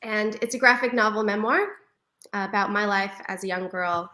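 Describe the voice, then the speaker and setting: Her mid-range voice sounds pushed and bright as she keeps a moderate pace. She's a New Yorker hosting a live panel by video call from her living room, cheerful and quick to laugh.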